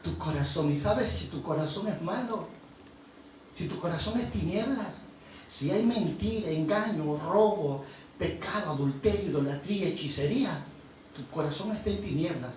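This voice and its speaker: A man's voice: a little high, normal speed. A man preaching a sermon as pastor, impassioned, quizzing his congregation with call-and-response questions. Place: church hall. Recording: very echoey hall, voice from far off, faint noise.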